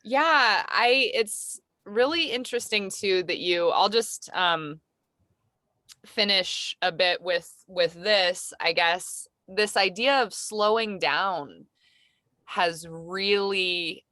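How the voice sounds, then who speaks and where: Bright, dry-voiced woman host telling a story. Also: medium pitch, slow pace, no room sound. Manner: animated storyteller, acts out her own reactions. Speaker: podcast host. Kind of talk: casual conversation. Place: camper van.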